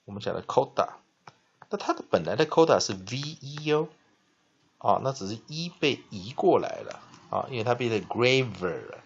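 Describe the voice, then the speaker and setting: A male teacher explaining English spelling, spelling words out letter by letter and repeating them slowly. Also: medium pitch, very animated, vocal fry, breathy edge. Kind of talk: classroom-style lesson explanation. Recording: dull lo-fi recording with faint noise.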